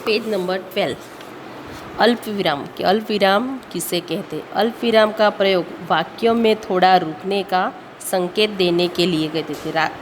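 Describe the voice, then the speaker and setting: A woman teacher explaining a grammar lesson, reading examples slowly and asking the listener rhetorical questions, slipping English words into her explanation. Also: mid-range voice. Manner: slow, deliberate reading with frequent pauses and rhetorical questions. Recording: long reverb, faint ambient noise.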